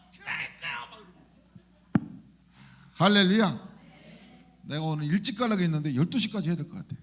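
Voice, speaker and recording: A male pastor giving a fervent, animated sermon in church, often crying out hallelujah and questioning the congregation. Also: a little high. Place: church sanctuary.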